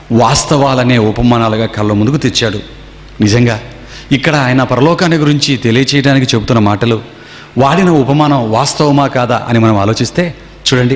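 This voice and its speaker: A man preaching a sermon to a gathering. He tells stories and keeps firing rhetorical questions at his listeners. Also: mid-range voice. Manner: storytelling with rhetorical questions to the audience. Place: seminar hall. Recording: echoey hall with long reverb.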